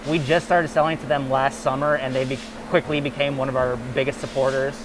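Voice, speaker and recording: A young man chatting casually about beer in a large warehouse, relaxed, with lots of fillers. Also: medium pitch, a little fast. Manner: relaxed, talkative with many fillers. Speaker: brewery guest. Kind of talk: casual chat. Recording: noisy warehouse room.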